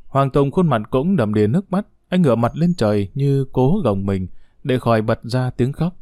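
A man telling a family story as scripted narration, in a calm, even way. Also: mid-range voice, moderate pace, dry recording, studio quality.

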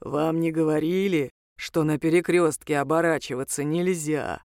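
A courteous male demon from a spoken folk tale speaks low and unhurried, every question patient and insistent, as a woman narrator puts him on. The sound is dry and close, with no room around it. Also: fairly even intonation, darkish tone, no echo. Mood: polite. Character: polite low-voiced male crossroads demon.

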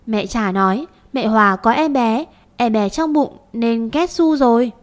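A woman's voice: on the high side, unhurried, natural voice. A woman doing a timid four-year-old girl. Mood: timid childish. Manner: soft, mumbling childish talk. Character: little girl of about four, timid and sweet.

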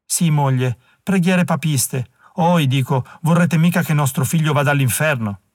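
A man's voice: on the high side, normal speed, a little mellow, no echo, close to an everyday voice. A man voicing a starving, ragged father from old London, coarse and snappish in his bitter grumbling. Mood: sour.

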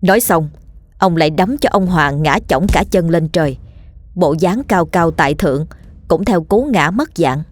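Low-voiced woman narrating a ghost story. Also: moderate pace. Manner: steady, vivid storytelling. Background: faint background music.

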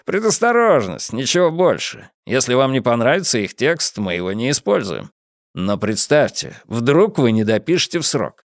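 A pushy, slick publisher, coaxing and unflappable in a lively voice, as a male narrator puts him on. Dry, close reading. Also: mid-range voice, moderate pace, vocal fry, dry recording. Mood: wheedling.

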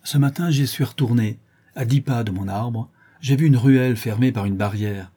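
A man voicing a rough, loyal Parisian ex-brawler who rambles in street slang. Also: mid-range voice, moderate pace, dark tone, natural voice. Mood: confiding.

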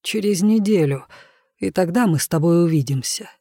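A man voicing a patient, calm robot servant. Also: sits high, moderate pace, dry recording, studio quality. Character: patient old male household robot.

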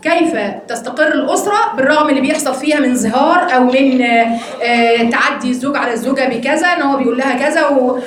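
Fast-talking Egyptian woman teacher, echoey. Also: high-pitched. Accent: Egyptian Arabic. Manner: quick, teasing, quizzes students. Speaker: Quran study teacher. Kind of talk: interactive religious lesson.

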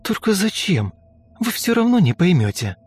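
A man voicing a sulky, rude young woman who talks in a snappish, slangy way and turns shrill when upset. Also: big pitch swings, normal speed, a little mellow, breathy edge, soft background music, exaggerated voice.

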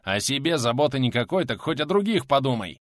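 Man doing a gruff bearded old-world warrior. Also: mid-range voice, expressive, moderate pace, a bit bright, no room sound, studio quality, lightly acted. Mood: scolding. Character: gruff bearded male warrior, loud and fussing.

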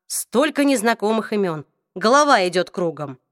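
A woman narrating a novel in a clear, steady reading voice. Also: medium pitch, moderate pace, no echo, clean studio sound. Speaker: audiobook narrator. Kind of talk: scripted narration.

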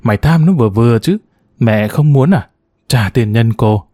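A man's voice: mid-range voice, lively intonation, moderate pace, mellow, no room sound, studio quality, natural voice. A man reading a story and voicing a stern, self-important middle-aged woman who scolds in a proper tone. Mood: pleased.

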